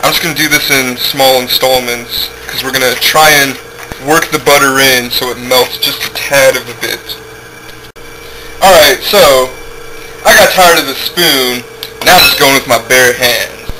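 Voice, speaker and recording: A young man with a medium-pitched, unhurried voice hosts a casual cooking demonstration in his home kitchen, cracking offhand jokes as he works. The sound comes from the camera's built-in mic a few feet away, giving it the noisy feel of home video.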